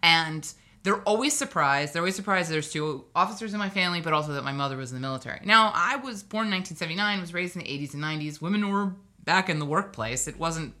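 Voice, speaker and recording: A woman from Hawaii chats on a podcast. Her voice sits a little low but sounds bright and forceful. She tells personal stories in a wry, digressive way, full of asides. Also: expressive, quick pace. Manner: chatty, wry storytelling with asides. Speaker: podcast guest. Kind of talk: casual podcast chat.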